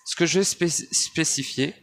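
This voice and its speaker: A spiritual speaker with a fairly high, slightly bright voice and moderate pace talks at home in a rambling monologue. He digresses, restarts often, uses many fillers, and addresses the listener as "tu," recorded on a handheld phone or basic mic.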